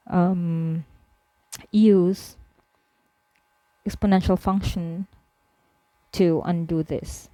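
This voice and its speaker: A woman math tutor slowly talking through a worked problem step by step, with frequent fillers. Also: lowish voice, warm tone, no room sound. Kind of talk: screen-recorded math lesson.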